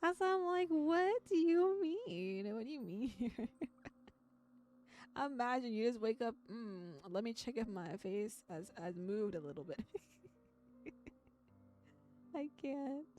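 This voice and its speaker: This streamer's voice is a little high and slightly mellow, animated yet slow, with frequent pauses. She narrates a visual novel aloud and keeps stopping for giggly, chatty, playful asides, live commentary set against background music.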